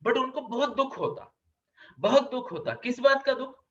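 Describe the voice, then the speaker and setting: A man's voice: extremely high pitch, moderate pace. A man who counsels children, telling a story as a lesson, asking the audience questions and having them repeat the key words. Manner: brief acted voices for the characters in the story. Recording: somewhat distant, slightly dull sound.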